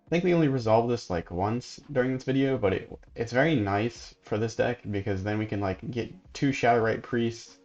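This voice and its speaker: A man hosting a gaming channel, casually commenting on gameplay and thinking aloud in a relaxed, sleepy way. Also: medium pitch, moderate pace, few pauses, lo-fi sound. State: sleepy, yawning.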